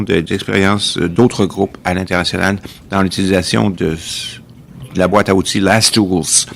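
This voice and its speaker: Male live interpreter, creaky low voice, technical conference delivery with stop-and-start phrasing. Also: slight background noise.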